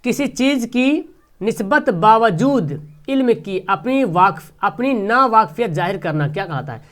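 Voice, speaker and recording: A man's voice: high voice, lively intonation, a little slow, a bit bright. A man teaching an online exam-prep grammar lesson, explaining step by step, repeating key terms and quizzing students with repeated questions.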